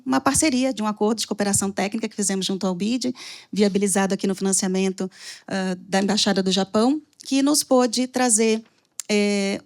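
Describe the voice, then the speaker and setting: A woman from Brazil with a Brazilian accent, speaking formally and with hesitant pauses as an institute's representative at an event opening. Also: medium pitch.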